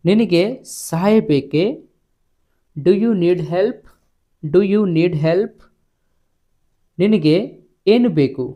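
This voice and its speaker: A man teaching spoken English, saying each phrase twice, slowly and clearly. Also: sits high, darkish tone. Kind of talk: slow, drilled spoken-English lesson.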